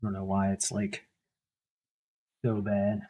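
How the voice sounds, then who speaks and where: A man's voice: on the low side, completely flat delivery, unhurried, warm tone, low-quality recording. A man tattooing while he talks, mumbling casually with wry, sarcastic asides. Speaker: tattoo artist. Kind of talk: casual talk while working. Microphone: stand mic set for standing.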